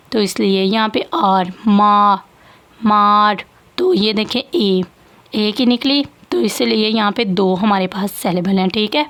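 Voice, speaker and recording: A woman teaching English grammar to students, explaining patiently and repeating key points. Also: a little high. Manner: patient, repeats points, checks in with "theek hai". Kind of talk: slow classroom explanation of grammar.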